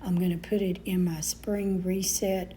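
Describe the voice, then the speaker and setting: A woman's voice: fairly low pitch, little pitch movement, measured pace, mellow, a little hiss or hum, rough recording. A middle-aged woman chatting casually in a home vlog, homey and full of little fillers. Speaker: vlogger and booth reseller.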